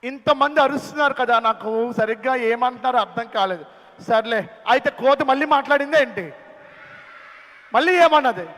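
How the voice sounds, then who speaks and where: A man hosting a children's camp skit, calling out questions to the young audience in a playful, animated way. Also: extremely high pitch, normal speed. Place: large hall at a children's camp. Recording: long hall reverb.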